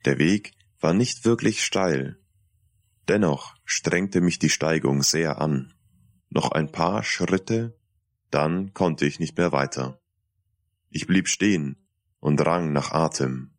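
A man narrating a first-person audiobook in a measured, reflective way. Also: very deep voice, no room sound.

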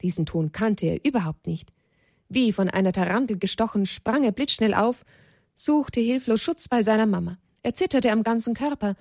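A woman narrating a children's story in a gentle storytelling tone. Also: on the high side, animated, moderate pace, dry recording, clean studio sound.

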